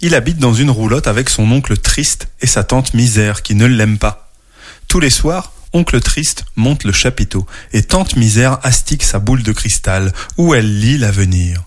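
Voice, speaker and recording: A man hosting a children's show, teaching English words slowly and telling a storybook tale. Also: medium pitch, animated. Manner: slow, clear, spells out words for kids.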